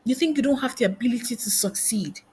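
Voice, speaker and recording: Brief: woman career coach, husky and fairly high voice, preachy rhetorical teaching. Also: quick pace, a little mellow. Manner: asks many rhetorical questions. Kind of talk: motivational teaching talk.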